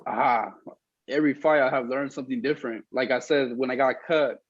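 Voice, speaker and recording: A man's voice: medium pitch, a little fast, husky, no echo, highs cut off. A young man, a boxer, giving informal, plain-spoken answers in a casual interview.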